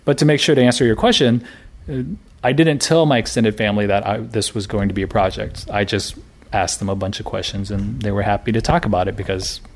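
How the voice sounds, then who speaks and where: Here a graphic novelist from the United States, a man in his thirties, gives a relaxed, chatty interview in a lowish voice at a brisk pace. Fillers and restarts come up often.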